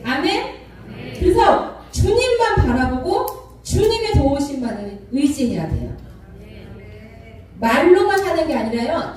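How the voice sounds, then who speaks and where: Woman pastor, sermon, mellow tone, lively swooping pitch, echoey church hall. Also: distant mic, a little hiss or hum. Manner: call-and-response preaching, acting out quarrels. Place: church sanctuary.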